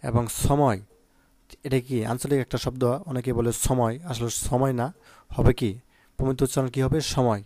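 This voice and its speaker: A man's voice: medium pitch, flat delivery, a little fast, pauses often, mellow, no room sound. Chatty man teaching an exam lesson. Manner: asks "ঠিক আছে?" often, with many "আহ" fillers.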